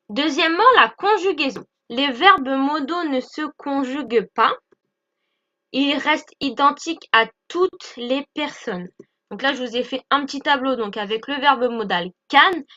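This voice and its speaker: An English teacher with a high, bright, forceful voice explains a grammar lesson, patient and repetitive. She keeps checking in with listeners, repeating points and asking "d'accord?", and the recording is dull and lo-fi.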